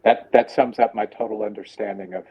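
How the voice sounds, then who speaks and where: A man co-hosts a livestream in a relaxed, joking manner. His voice is low-pitched and sounds dull and lo-fi, with faint noise behind it. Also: a little fast. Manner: easygoing, joking. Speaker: co-host. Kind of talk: casual livestream chat.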